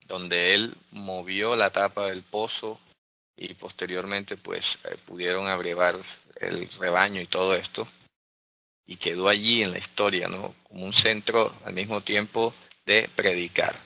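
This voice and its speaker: Male Bible teacher, lowish voice, explanatory and unhurried, heard through a thin phone-like connection. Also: level tone, gravelly. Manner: explanatory, frequent rhetorical "¿verdad?" and "eh" fillers. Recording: tinny phone-like line.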